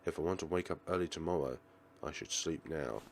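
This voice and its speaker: With a rumbling low voice and fairly quick delivery, a man reads a visual novel out loud for a let's play, with slight noise in the background. His narration is theatrical and dramatic alongside his game commentary, and he sometimes stumbles and repeats phrases.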